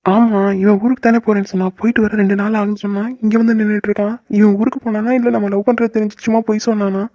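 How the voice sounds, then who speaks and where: A man's voice: high-pitched, level tone, fast talker, warm tone, no echo, lightly acted. A man voicing a possessive but tender young boyfriend in a cartoon. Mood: worried. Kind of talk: cartoon voice acting. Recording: dull lo-fi dry recording.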